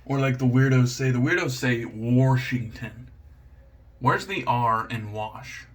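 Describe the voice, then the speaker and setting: A man's voice: mid-range voice, expressive, normal speed. Laid-back rambling man vlogging a shave. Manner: laid-back, rambling, self-deprecating, swears casually. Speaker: shaving channel host. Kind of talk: casual vlog chat while shaving.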